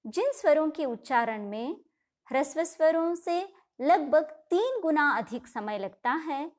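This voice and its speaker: A woman teacher gives a grammar lesson to children in an unhurried, measured way. Her voice sits a little high, and she poses questions to the class, then answers them herself. She stretches out each example word so the children can follow.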